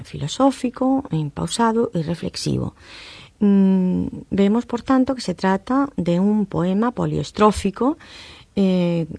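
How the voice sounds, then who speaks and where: A woman lecturer explaining text analysis in a measured way, often pausing with "eh" and tag questions. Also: mid-range voice, vocal fry, mellow, no room sound. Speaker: university lecturer.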